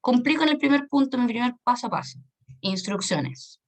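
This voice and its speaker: A woman's voice: fairly high pitch, animated, normal speed. A woman, teaching an English grammar lesson in a patient way, repeating points and checking that students follow. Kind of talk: recorded online lesson explaining grammar.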